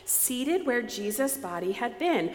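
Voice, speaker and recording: Woman leading a lively scripture reading. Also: fairly high pitch, a little slow. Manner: animated, prompts listeners to join in. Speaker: lead reader. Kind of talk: dramatized scripture reading with congregation responses. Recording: echoey hall with long reverb.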